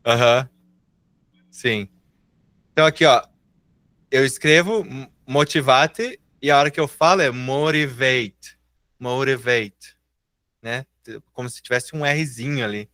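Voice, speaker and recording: A Brazilian man teaching English in a live online class. He speaks with a Brazilian Portuguese accent, is patient and encouraging, and draws out example words slowly. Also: medium pitch, fairly bright tone, no echo, studio quality.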